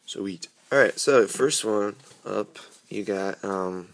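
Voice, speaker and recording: A man's voice: lowish voice, takes it slowly. A young man with a cold, his voice sounding grating, chatting casually and rambling with lots of fillers as he unboxes cards at home on a camera mic. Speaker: card game vlogger.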